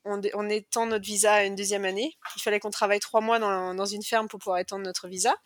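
A French woman in her thirties tells her own story as a podcast guest. She is open and talkative, and her voice sits at a mid pitch. The recording is dry and close, with no room sound. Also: flat delivery, fast talker, no room sound. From France. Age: 30s. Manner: candid and chatty, recounting her life story. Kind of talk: casual conversational storytelling.

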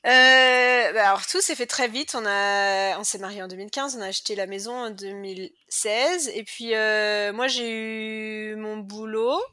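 A woman's voice: medium pitch, steady tone, unhurried, few pauses, sharp tone, no room sound, studio quality. A French woman in her thirties, a podcast guest candidly and chattily telling her life story in a casual conversation. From France. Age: 30s.

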